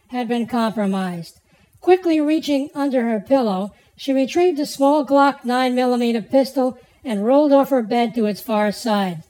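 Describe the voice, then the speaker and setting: A woman narrates a thriller audiobook with a slightly raised pitch. Her reading is measured and even, paced for storytelling. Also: low-quality recording.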